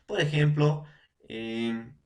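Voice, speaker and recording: A man's voice: a little high, extremely slow. A man with a Peruvian Spanish accent giving a recorded language lesson. He addresses young students directly, repeats points, and checks their understanding often. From Peru. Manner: repetitive, often checks in with "¿no?" and "entonces". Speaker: language teacher.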